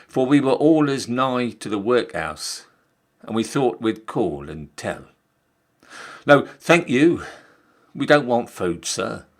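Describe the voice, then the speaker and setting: A man's voice: mid-range voice, heavily acted. Man playing a pleading old troop sergeant, voice raised. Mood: deferential appeal. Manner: loud, earnest, halting appeals addressed to "sir". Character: old male army troop sergeant, humble, pleading, proud.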